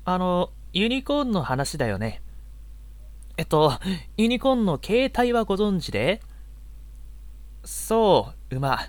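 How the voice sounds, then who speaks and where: A man playing a gentle, easily exasperated young male unicorn in an audio drama role-play, with a polite, boyish, flustered manner. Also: high voice, very animated, slow, pauses often, no room sound, heavily acted. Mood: puzzled, hesitant.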